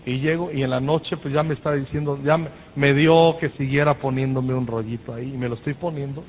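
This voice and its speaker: A man with a Mexican accent preaching a sermon, telling a personal story with lively shouted exclamations and casual slang. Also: mid-range voice, a little fast, slight background noise, low-quality recording. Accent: Mexican Spanish.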